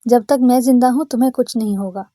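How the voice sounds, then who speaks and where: Stern hot-tempered young guy, read by a woman, firm and threatening, mellow tone. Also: a little high, no echo, studio quality, natural voice. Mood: stern, angry. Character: stern protective young man, quick to anger.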